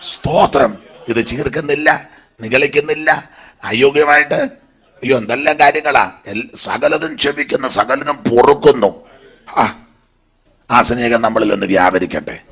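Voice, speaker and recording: Husky Malayali pastor preaching. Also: male voice, medium pitch, a little slow, pauses often. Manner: animated preaching with lists and asides to the congregation. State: blocked throat. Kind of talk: sermon.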